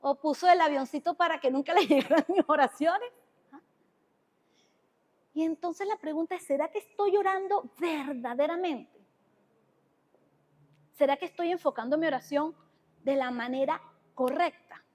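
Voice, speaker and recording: Woman preacher, venezuelan spanish accent, high voice, long church reverb. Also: normal speed, pauses often, a little mellow. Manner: conversational, asks the congregation questions. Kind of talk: sermon. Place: church hall.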